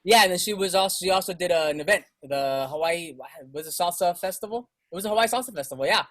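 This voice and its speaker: A man's voice: high voice, quick pace, fairly bright tone. A middle-aged man, a guest DJ, talking on a video call from home in a chatty, self-deprecating way with laughs. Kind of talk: casual video-call interview. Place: home room indoors. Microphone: video call webcam.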